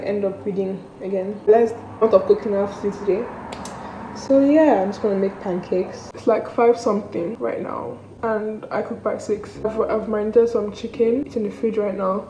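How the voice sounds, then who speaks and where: A young adult university student vlogs casually from her student flat's kitchen and rooms, rambling informally to a camera held at arm's length or propped nearby. Her medium-pitched voice comes through a noisy background, with room echo and music playing.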